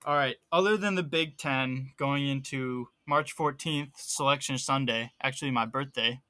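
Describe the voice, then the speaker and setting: A young man co-hosting a podcast, talking college basketball in a relaxed way with lots of ums. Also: mid-range voice, normal speed, dry recording. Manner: relaxed, filler-heavy talk. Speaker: podcast co-host. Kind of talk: casual sports chat.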